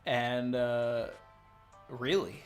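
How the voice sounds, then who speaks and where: A man in an easygoing livestream chat, reading viewer comments aloud and laughing along. His voice sits at an ordinary middle pitch, with faint music underneath. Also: fairly even intonation, drawn-out words. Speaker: host.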